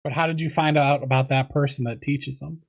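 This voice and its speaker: A man's voice: mid-range voice, fairly even intonation, brisk, gravelly. A man interviewing casually, asking probing follow-up questions in a chatty, inquisitive way.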